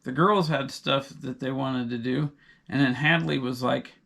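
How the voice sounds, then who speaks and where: A man's voice: medium pitch, fairly even intonation, normal speed, gravelly, fairly bright tone. A middle-aged man, co-hosting a podcast in casual chat and wandering off into long, digressive stories. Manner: rambling, digressive storyteller. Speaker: podcast co-host.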